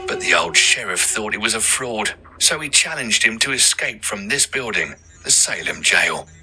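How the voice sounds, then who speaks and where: A man's voice: fairly low pitch, animated, moderate pace, low-quality recording. A man narrating a scripted audio ghost tour as the guide, with theatrical, ominous storytelling over music.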